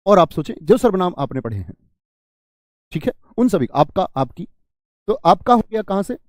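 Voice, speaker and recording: A man's voice: sits high, big pitch swings, moderate pace, no room sound, studio quality. A man teaching an exam-prep grammar lesson, who asks his students questions, answers them himself and repeats key phrases.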